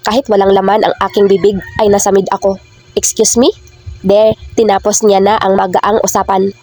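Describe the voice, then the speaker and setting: Woman reading a romance novel, flat. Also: mid-range voice, brisk. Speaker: audiobook reader. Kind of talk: first-person romance novel narration. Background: faint background music.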